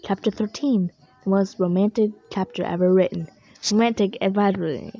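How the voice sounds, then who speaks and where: A woman with a husky voice reading a children's story aloud in an expressive, playful storybook style. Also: mid-range voice, normal speed, no echo. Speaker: storybook reader. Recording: dull lo-fi recording.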